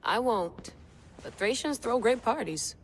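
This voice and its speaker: An actress voices a driven, wry woman scientist, a researcher and cell leader obsessed with an artifact who keeps working despite warnings, in a game cutscene. Her voice is a little high and expressive at a measured pace, intense and sardonic. The room has long reverb and faint noise.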